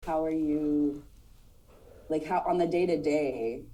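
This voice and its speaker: A woman's voice: low-pitched, slow, mellow, low-quality recording. A woman interviewer asking rambling, filler-heavy questions in a casual chat.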